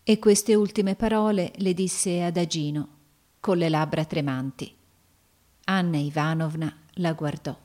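Narrator, woman, lowish voice, measured storybook reading. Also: steady tone, darkish tone.

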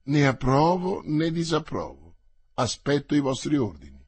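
A guarded musketeer officer who gives little away, as a man reads him. His voice sits low and husky, recorded close and dry. He speaks in a restrained, measured way. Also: big pitch swings, no room sound. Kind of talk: audiobook character voice.

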